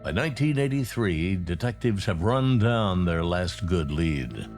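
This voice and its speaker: A man reading scripted true crime narration in a dramatic, measured storytelling delivery. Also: deep voice, very animated, darkish tone. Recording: music playing behind the narration.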